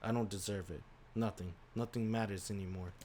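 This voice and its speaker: A man voicing a bullied orphan girl who murmurs quietly in despair. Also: on the low side, fairly even intonation, brisk, a little hiss or hum, lightly acted.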